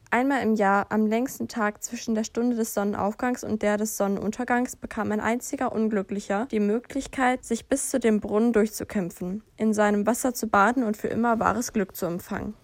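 A woman podcast co-host reading a fairy tale aloud in a calm narrating manner. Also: on the high side, dry recording.

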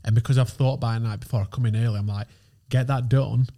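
A man's voice: mid-range voice, fairly even intonation, racing, mellow. A man in his thirties, an agency founder, talking as a podcast guest in a chatty, rambling way. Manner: chatty, rambling, lots of "like" and restarts. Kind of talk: casual podcast chat.

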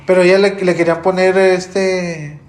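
A man's voice: high voice, level tone, measured pace, roomy sound. A man with a Mexican Spanish accent co-hosting a podcast, rambling through stories in casual chat and trailing off as he searches for names. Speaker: podcast co-host.

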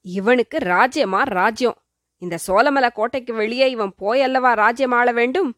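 A woman's voice: on the high side, normal speed, fairly bright tone, no room sound, studio quality, close to an everyday voice. A woman voicing an angry old king, a vengeful father muttering to himself, in a storybook reading. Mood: seething.

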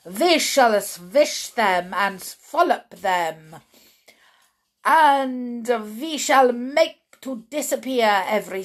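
A woman voicing a screaming, tyrannical old female witch leader who rants slowly and loudly. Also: fairly high pitch, voice pushed up. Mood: scheming. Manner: shrieking, ranting, slow and loud.

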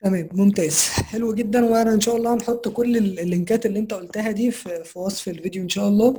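A man's voice: sits high, steady tone, rapid-fire, mellow, breathy edge. A man hosting a podcast, giving short agreeing replies and moving the interview along. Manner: brief agreeing interjections, then leads to the next topic. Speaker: podcast host. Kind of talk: casual interview.

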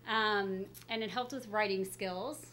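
A woman's voice: medium pitch, fairly even intonation, a little slow, a bit bright, a little hiss or hum. A middle-aged woman chatting casually as a pediatrician guest in an interview, speaking through a face mask. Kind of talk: casual interview, telling career story.

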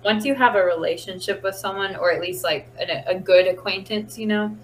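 A woman's voice: mid-range voice, a little fast, a little hiss or hum, rough recording. A young woman co-hosting a podcast, talking earnestly and casually with frequent "like" fillers. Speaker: podcast co-host. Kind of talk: casual chat.

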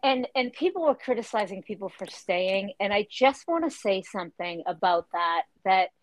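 A woman's voice: mid-range voice, animated, moderate pace, poor audio. A woman from Florida hosting a casual podcast chat from a bedroom, talking in a chatty, emphatic way. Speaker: podcast host. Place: niece's bedroom.

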